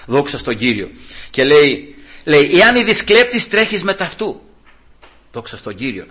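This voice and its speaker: A man's voice: medium pitch, very animated, a bit bright. A man preaching an impassioned evangelical sermon, calling out praise and rising to fervent cries.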